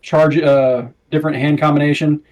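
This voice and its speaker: A man with a somewhat high voice plays a tabletop game. He talks casually, reasoning out loud in a conversational way as a player among friends. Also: little pitch movement, normal speed, low-quality recording. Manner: thinks aloud.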